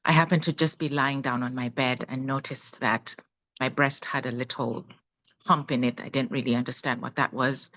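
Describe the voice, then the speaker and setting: Low voiced woman from uganda, 50s, talking on a phone video call, lots of ums. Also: fairly even intonation, fairly bright tone, rough recording. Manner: halting, many fillers. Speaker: guest speaker. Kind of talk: personal testimony on a video call.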